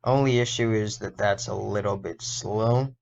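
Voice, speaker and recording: A man talks through his animation work in a casual, think-aloud tutorial, often stopping to correct himself. His voice is a bit hoarse and gravelly, and he speaks at an unhurried crawl. The recording sounds dull and lo-fi. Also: fairly low pitch. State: slightly hoarse. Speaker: indie game developer and animator.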